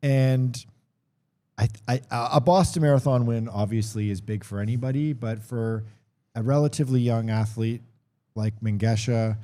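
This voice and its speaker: A man's voice: mid-range voice, normal speed, mellow. A man giving conversational live sports commentary on a race, thinking aloud and correcting himself as he goes.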